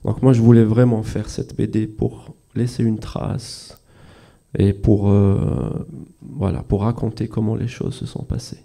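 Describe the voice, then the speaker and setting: A man's voice: on the low side, flat delivery, measured pace, gravelly, dark tone. A man from Algeria, a comics author, speaking earnestly and directly to an audience. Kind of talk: casual talk to an audience.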